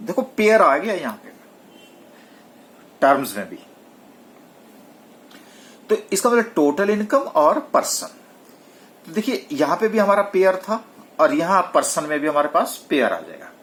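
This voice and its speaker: A man's voice: a little high, very animated, unhurried, long pauses, fairly bright tone. Guy teaching a tax class, voice goes up and down a lot, keeps asking "what will it be?" and answering himself, drops english terms in. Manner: asks students rhetorical questions and answers them himself; mixes English technical terms into his speech. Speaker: tax law lecturer. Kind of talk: recorded classroom lecture.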